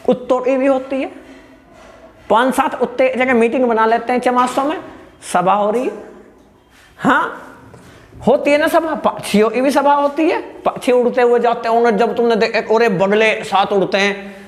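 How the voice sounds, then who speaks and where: A man teaching a lively class, asking questions and answering them himself, joking with the students and raising his voice to stress points. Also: very high-pitched, normal speed, pauses often. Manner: shouts at times to stress a point.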